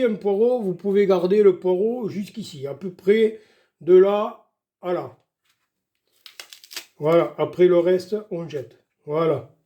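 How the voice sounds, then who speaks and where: A man's voice: sits high, warm tone. An older man giving a chatty, folksy cooking demonstration in his home kitchen, talking viewers through each step. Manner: chatty, folksy, keeps saying "voilà" and "doucement". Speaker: home cook showing a recipe.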